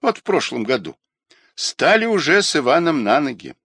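Guilt-ridden young trader, self-pitying, read by a male narrator, swooping wide in pitch. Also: sing-song, moderate pace, a bit bright, husky, no room sound, studio quality, full character voice. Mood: rueful.

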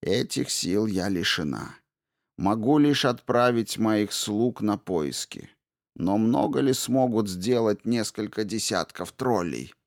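A man voicing an old witch who was once a fairy queen, bitter and guarded, in a hushed, slow, menacing tone for an audiobook. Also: fairly low pitch, animated, no echo, clean studio sound. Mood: weary. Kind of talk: audiobook character reading.

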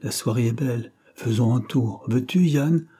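A man voicing a gentle, self-sacrificing young peasant in an audiobook, speaking earnestly and pleading. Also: mid-range voice, moderate pace, husky, lightly acted. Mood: reassuring.

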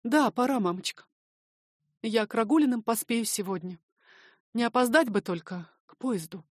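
A woman's voice: fairly high pitch, normal speed, no echo, clean studio sound, close to an everyday voice. A woman reading the part of a tearful, hardworking young woman who pleads and fusses. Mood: pleading.

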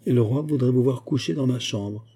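A man's voice: mid-range voice, fairly quick, dark tone, voice pushed up, natural voice. A man reading as a proud, weary male superintendent, cold and dignified in defeat, in an audiobook. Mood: ironic.

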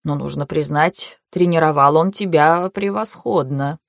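An elderly male teacher in an audiobook, voiced by a woman narrator, fussy and measured, who drags out his words in a lowered, careful tone. the recording is dry and close, with no room sound. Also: vocal fry, no echo. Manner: slow, weighty, hesitant. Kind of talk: audiobook character voice.

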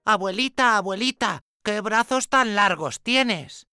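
A man voicing a cheerful, naive little girl in a storybook reading, squeaky, eager and sing-song. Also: expressive, measured pace, sharp tone, clear, resonant tone, no echo, soft background music, full character voice. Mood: wondering.

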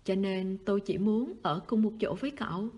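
A woman reading the lines of a wistful, quiet teenage schoolboy in a soft, husky voice. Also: moderate pace, lightly acted. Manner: soft, low-key, sighing.

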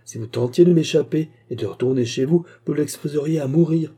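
A deceitful kidnapper speaks with smooth, insistent courtesy, as a male narrator voices him. His voice is dark and husky. The lines are delivered with firm emphasis. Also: fairly high pitch, a little fast, voice pushed up. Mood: insistent, falsely kind.

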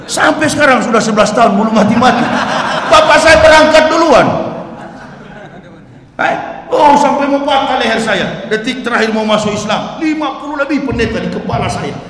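A high-voiced man from Manado, Indonesia, preaching in a big hall with long reverb. His sermon is animated and full of laughter, and at times it climbs to a shout. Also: moderate pace, a little hiss or hum. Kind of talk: lively religious sermon.

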